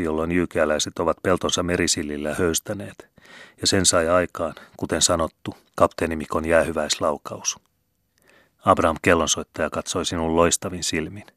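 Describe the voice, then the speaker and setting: Deep-voiced man reading a folk tale. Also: steady tone, fairly bright tone, dry recording, clean studio sound. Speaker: audiobook reader. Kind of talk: literary narration.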